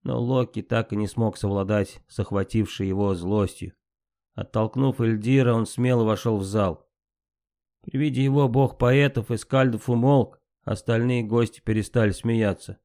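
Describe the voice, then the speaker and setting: A man narrating an audiobook of myths in an even storytelling manner. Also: on the low side, moderate pace.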